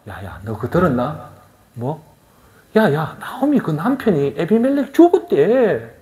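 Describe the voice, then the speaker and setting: A man doing hushed gossiping village neighbors. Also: on the high side, wildly swooping pitch, measured pace, pitched above the performer's own voice. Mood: gossipy. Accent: Gyeongsang Korean.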